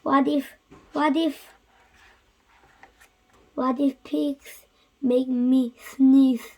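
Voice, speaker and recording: Reader voicing a worried storybook elephant, slow, dramatic, sneezing. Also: high voice, little pitch movement, darkish tone, full character voice.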